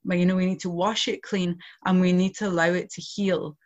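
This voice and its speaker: A woman from outside Ireland, founder of a project, reflects earnestly in an interview, sprinkling in plenty of "you know." Her voice is fairly low, flat, and a little fast, and the audio's high frequencies are cut off.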